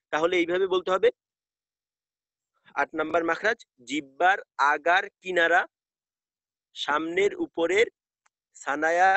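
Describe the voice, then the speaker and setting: A man's voice: fairly high pitch, a bit bright, no room sound. A man teaching an online class, explaining step by step and repeating key terms.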